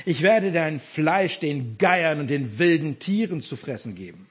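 A man voicing the boastful, brutal giant warrior Goliath, taunting loudly and with scorn. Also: fairly high pitch, expressive, unhurried, husky, highs cut off, voice pushed down. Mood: scornful.

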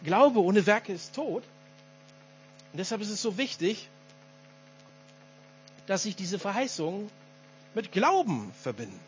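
A man's voice: high-pitched, very animated, unhurried, pauses often, lo-fi sound, slight background noise. A male pastor preaching a sermon to his congregation, emphatic and given to repeating key phrases.

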